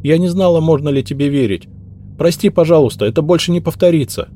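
A man voicing a frightened young female maid who pleads and makes excuses in a rushed, tearful way. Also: fairly high pitch, mellow, slight background noise, pitched above the performer's own voice, lightly acted. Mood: pleading.

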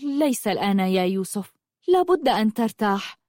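A woman voicing a caring young woman who gently insists. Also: mid-range voice, sing-song, moderate pace, no echo, clean studio sound, lightly acted. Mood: insistent.

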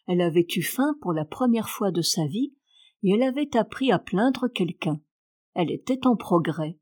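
A woman narrating a classic novel as an audiobook, in a calm, measured reading style. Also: medium pitch. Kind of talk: scripted literary narration.

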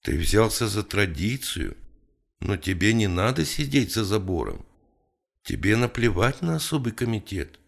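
A gloomy male writer pleads with a friend in an earnest, insistent monologue, as a man reads him aloud. The voice sits low with a gravelly rasp. It is an audiobook character, spoken with conviction. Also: big pitch swings, moderate pace, full character voice. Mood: pleading.

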